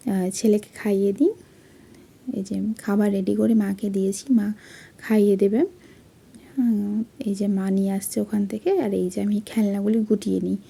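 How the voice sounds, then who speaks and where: A young woman, a vlogger doing a soft late-night voice-over, speaking quietly so she won't wake her sleeping child. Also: mid-range voice, vocal fry, slightly rough.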